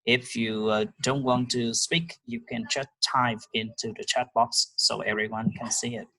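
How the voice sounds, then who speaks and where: A man talks to the group from his computer mic, urging them to join in. His voice is bright with a gravelly grain. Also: mid-range voice, flat delivery, a little slow, low-quality recording. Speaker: webinar participant. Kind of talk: online meeting talk. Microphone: computer mic on a video call.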